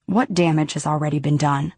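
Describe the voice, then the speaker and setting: A woman voicing a protective, blunt young man in an audiobook, speaking quietly and low. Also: steady tone, fairly quick, dry recording. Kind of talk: audiobook character dialogue.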